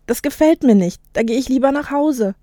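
Frightened young boy for an audiobook reading, high excited calls, woman reading. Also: brisk, dry recording, studio quality, close to an everyday voice. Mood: uneasy.

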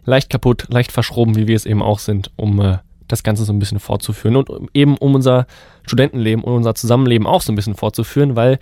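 In studio-quality audio with no echo, a young adult man speaks quickly at a medium pitch, his intonation fairly even and his tone warm. He has a cold and is co-hosting a casual student radio podcast, rambling loosely with lots of fillers and restarts.

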